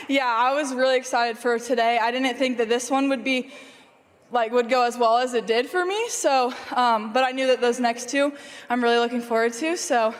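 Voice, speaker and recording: A woman athlete, somewhat tired, chats informally and a little giggly in a post-event interview. Her voice is fairly high and rings in a big hall. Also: fairly even intonation, moderate pace. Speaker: competing athlete being interviewed. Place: large indoor competition venue. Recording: reverberant large venue.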